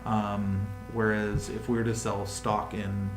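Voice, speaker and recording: A man's voice: fairly low pitch, little pitch movement, takes it slowly. A man hosting a livestream, reading news headlines aloud and riffing on them in a rambling, casual way. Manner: rambling, reads headlines then riffs. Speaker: livestream host. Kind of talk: casual crypto news chat. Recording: echoey room with music behind.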